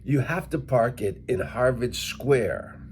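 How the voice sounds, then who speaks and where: Talking casually to camera, a middle-aged man who vlogs as an English teacher walks viewers through English sounds and spells words step by step. He's from Worcester, Massachusetts, and his local accent is light. The mid-range voice is expressive, slow, and a little mellow, with slight hiss or hum in the background.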